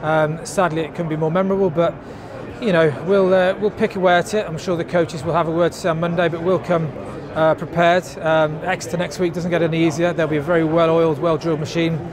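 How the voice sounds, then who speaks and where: A man in his thirties, a rugby club captain, giving a post-match interview in a stadium stand, measured and thoughtful with many fillers. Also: fairly high pitch, level tone. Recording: outdoor stadium with crowd noise. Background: crowd murmur.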